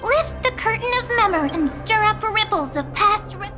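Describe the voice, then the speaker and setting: A woman's voice: very high-pitched, lively intonation, moderate pace, music in the background. A woman voicing a cute, playful memory sprite in a video game, with a tender, teasing and theatrical delivery. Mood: teasing, reassuring. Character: cute, playful female memo sprite companion, gentle and teasing. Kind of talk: scripted game character acting.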